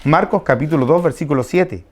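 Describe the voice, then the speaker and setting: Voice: mid-range voice, fairly quick. A preacher teaching a Bible passage to a congregation, repeating key phrases and asking them questions. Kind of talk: expository Bible study sermon.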